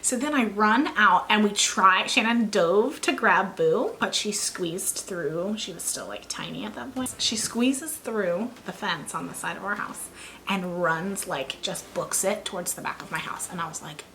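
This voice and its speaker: A young woman vlogger telling a story in a chatty, animated, self-mocking way. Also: medium pitch, unhurried, a little hiss or hum, poor audio. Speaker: YouTube vlogger. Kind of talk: casual storytime vlog.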